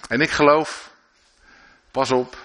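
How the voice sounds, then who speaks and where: A man's voice: medium pitch, fairly even intonation, slow pace, a bit bright. A man preaching a sermon at a church service, reading scripture and adding conversational asides and questions to his listeners.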